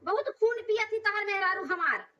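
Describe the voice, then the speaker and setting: A woman's voice: very high-pitched, expressive, a bit bright. A woman voicing a stern village mother-in-law in a cartoon comedy, scolding her daughter-in-law in an Awadhi accent. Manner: nagging, rapid dialect scolding. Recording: distant, dull lo-fi recording.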